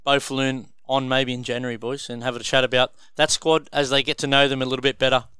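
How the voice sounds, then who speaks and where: A man's voice: mid-range voice, level tone, quick pace, pushed and bright, clean tone, no echo. An Australian man hosting a casual sports radio interview in a matey, colloquial way. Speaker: radio show host. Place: radio studio.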